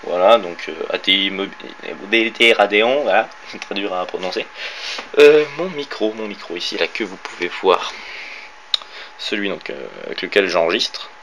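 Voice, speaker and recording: A young Frenchman from around Orléans, with a low, slightly bright voice at normal speed, rambles casually through a room-tour vlog of his bedroom and gear. He films on a handheld phone, full of fillers and self-corrections, and the low-quality audio carries faint hiss from the cheap phone.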